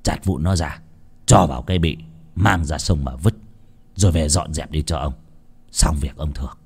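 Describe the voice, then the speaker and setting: A man's voice: a bass voice, normal speed, gravelly, a little mellow, husky, voice pushed down, exaggerated voice. A man doing a callous old village chief. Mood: commanding. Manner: cold, dismissive, commanding.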